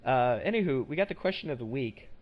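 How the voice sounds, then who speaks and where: Man, podcast host, casual chat, rambling, jokey, mid-pitched voice. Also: expressive, fast talker, highs cut off. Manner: rambling, self-correcting, jokey.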